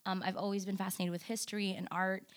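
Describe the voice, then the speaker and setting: A young adult woman, a podcast guest who works as a nurse and photographer, talking reflectively with many pauses and ums. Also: mid-range voice, flat delivery. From United States. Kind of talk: casual interview conversation.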